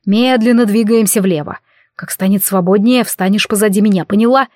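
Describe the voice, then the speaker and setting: A woman voicing a gruff, grumbling male witch-detective who gives curt, bossy orders in a storybook reading. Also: medium pitch, brisk, darkish tone, no echo, studio quality, lightly acted. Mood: commanding.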